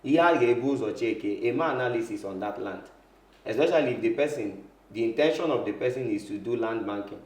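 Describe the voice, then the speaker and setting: A man's voice: mid-range voice, brisk. A man with an Igbo Nigerian accent explaining things as an interview guest, switching often between Igbo and English. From south-eastern Nigeria. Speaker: interview guest, real estate lawyer. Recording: echoey room.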